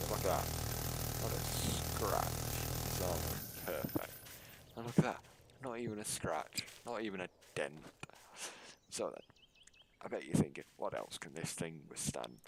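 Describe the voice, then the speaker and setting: A man's voice: rumbling low, big pitch swings, unhurried, creaky, heavy background noise. A man giving casual, sarcastic, mock-boastful commentary over his own gameplay. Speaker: gaming YouTuber.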